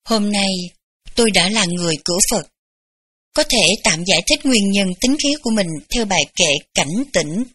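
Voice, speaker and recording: Female audiobook reader, bright tone, gentle unhurried memoir narration. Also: mid-range voice, lively intonation, breathy edge. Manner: gentle, unhurried storytelling with light laughs. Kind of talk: memoir read aloud.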